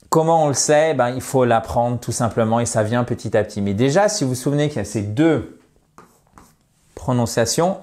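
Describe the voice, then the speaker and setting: A man teaching English pronunciation to French speakers, talking straight to the viewer, often checking "ok?", and saying English example words slowly and with emphasis. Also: mid-range voice. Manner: lively, addresses viewers directly, checks with "ok?" and "d'accord?". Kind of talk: online lesson, explaining to viewers.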